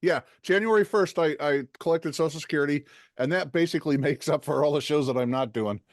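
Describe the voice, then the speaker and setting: Easygoing man in his sixties on a video call, a touch high-pitched, dry close sound. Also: brisk, no echo. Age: 60s. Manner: easygoing, laughs along. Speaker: panelist. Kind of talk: casual panel chat.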